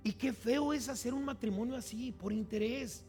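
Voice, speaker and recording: A pastor preaching a sermon, acting out quoted voices with animated delivery. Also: male voice, extremely high pitch, moderate pace, faint music behind.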